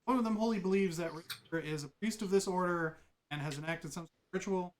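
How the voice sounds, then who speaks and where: A man's voice: high voice, fast, slight background noise. Man running a tabletop game as dungeon master.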